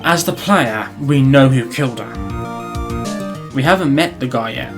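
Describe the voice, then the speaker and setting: A man's voice: medium pitch, animated, slow pace, over music. A man giving casual, sarcastic gameplay commentary while reading a courtroom game. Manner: sarcastic, joking, swears. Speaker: let's player.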